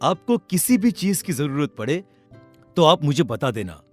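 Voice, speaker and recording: A man's voice: fairly high pitch, big pitch swings, unhurried, darkish tone, faint music behind. A man voicing a charming, smitten young landlord's son in a cartoon story, polite and earnest. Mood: friendly.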